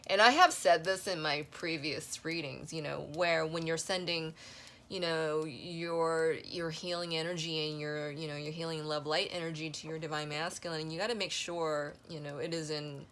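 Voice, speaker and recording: A woman's voice: low-pitched, a little slow, fairly bright tone, slight background noise. Rambling woman giving a tarot reading. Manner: rambling, many "you know" fillers. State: losing her voice. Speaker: tarot reader. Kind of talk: casual spoken tarot reading.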